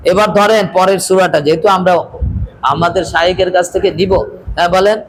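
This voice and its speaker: High-voiced man teaching Quran recitation. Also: steady tone, fairly quick, low-quality recording. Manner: repeats checking questions to students, stresses letters aloud. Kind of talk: classroom recitation lesson.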